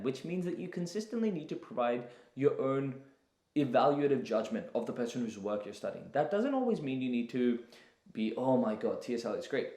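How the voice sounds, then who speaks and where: A young man who talks students through exam questions in a relaxed, chatty way, with plenty of fillers and restarts. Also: mid-range voice, roomy sound. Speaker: tutor. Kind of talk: casual tutorial.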